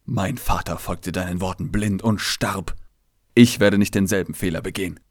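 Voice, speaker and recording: A man voicing a brooding, bitter young king who speaks low and with quiet intensity. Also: normal speed, no echo, studio quality, close to an everyday voice. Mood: quiet, menacing. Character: brooding, bitter young king, haunted by his father's fate.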